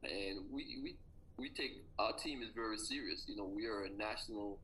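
This interview features a fortyish Jamaican track coach and ex-athlete recounting personal stories earnestly and reflectively. He speaks at normal speed in a lowish, bright voice with a forceful tone. The low-quality audio carries a little hiss or hum.

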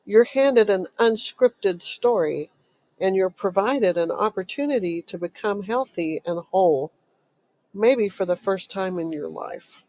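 A woman hosting a motivational self-help talk as a coach, speaking deliberately and sounding stuffy from an illness. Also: mid-range voice, lively intonation, a little mellow, poor audio. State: stuffy, recovering from covid. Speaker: host and recovery coach.

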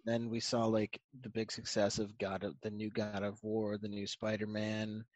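A man's voice: fairly low pitch, completely flat delivery, moderate pace, dry recording. Man talking over a video call. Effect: remote voice on a video call over an internet connection. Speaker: podcast co-host. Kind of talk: casual podcast chat.

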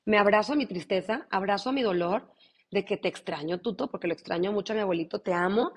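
Breathy woman, reverberant. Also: medium pitch, quick pace. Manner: earnest, animated, acts out her own inner voice. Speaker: guest, yoga teacher. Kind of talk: candid conversational interview. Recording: long reverb.

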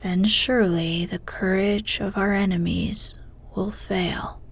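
A woman voicing a wise old male wizard, speaking in a slow, hushed whisper. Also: mid-range voice, steady tone, vocal fry, husky, heavily acted. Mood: calm counsel.

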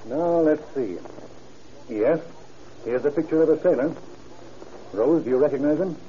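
A man's voice: fairly high pitch, moderate pace, mellow, natural voice. An actor playing a businesslike American police chief in an old radio crime drama, authoritative and methodical in his questioning. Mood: firm, official. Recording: muffled, noisy old radio recording.

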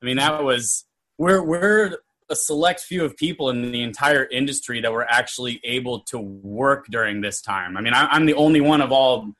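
Earnest, animated male actor talking over a video call. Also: medium pitch, moderate pace. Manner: animated and earnest, many fillers. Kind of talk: casual video-call chat.

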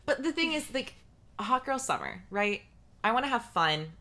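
A woman's voice: fairly high pitch, normal speed. A woman co-hosting a podcast, chatting casually with lots of laughs and fillers. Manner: animated, giggly, lots of fillers. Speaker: podcast co-host. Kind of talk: casual chat.

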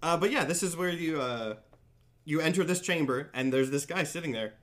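A man narrating a tabletop game as game master, improvising in a casual, halting way. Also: fairly high pitch, animated, a bit bright.

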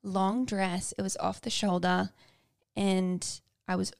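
A woman's voice: medium pitch, level tone, takes it slowly, gravelly, clear, resonant tone. A young woman co-hosting a podcast, candidly telling personal stories in casual chat. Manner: candid, personal storytelling with fillers. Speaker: podcast co-host.

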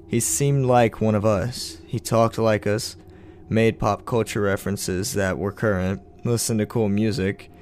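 A man narrating a first-person horror story for a podcast in a measured, storytelling way. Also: on the low side, darkish tone.

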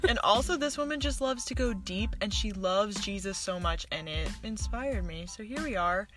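A woman's voice: medium pitch, expressive, normal speed, fairly bright tone, soft background music. A young woman in her twenties hosting a casual podcast, teasing her guest playfully and giggling often. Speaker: podcast host.

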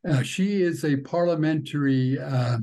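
An older man with a husky voice, recounting history haltingly, often repeating words as he searches for the next one. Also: fairly high pitch, warm tone. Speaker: interviewee telling family war history. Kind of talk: spoken historical recollection.

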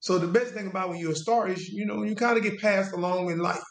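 A creaky voice, slightly high for a man, comes through with a little hiss or hum and a roomy echo. He's a veteran in his forties telling his story as an interview guest, in casual Southern US speech that drags out words, halts, and circles back through restarts.

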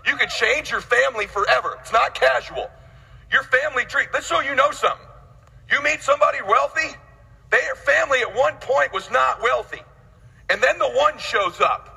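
A man in his late forties gives a blunt, swearing sales pep talk. His voice is fairly high, bright and gravelly. It has a husky edge. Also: big-room sound, rough recording. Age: 40s. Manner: blunt, intense, preachy, swears freely. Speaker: motivational sales speaker. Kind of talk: motivational speech.

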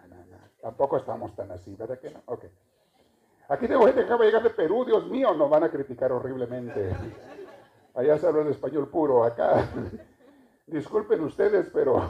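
A man's voice: on the high side, creaky. A man giving a homily at Mass, chatty and joking, asking the congregation questions. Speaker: priest. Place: church. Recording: dull lo-fi recording.

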